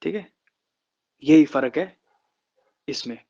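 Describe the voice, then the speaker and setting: A man teaching shorthand in an online class, slowly repeating vowel sounds and example words. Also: fairly high pitch, creaky, warm tone. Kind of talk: online lesson. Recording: slightly dull, lo-fi sound.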